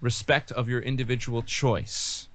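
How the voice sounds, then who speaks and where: A man's voice: mid-range voice, little pitch movement, measured pace. A man from upstate New York with his accent, a guest who talks things through in a thoughtful way, using analogies. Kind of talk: casual conversation.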